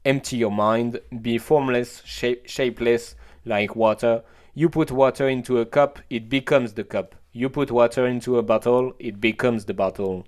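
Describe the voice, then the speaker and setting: A man reciting a calm martial-arts maxim in a put-on English accent, slow, low and deliberate. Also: lightly acted. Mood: solemn.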